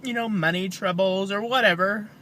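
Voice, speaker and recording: A woman speaking in a halting, downcast, grieving way, as in a personal confessional vlog. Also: medium pitch, a bit bright, a little hiss or hum. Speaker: vlogger, bereaved mother.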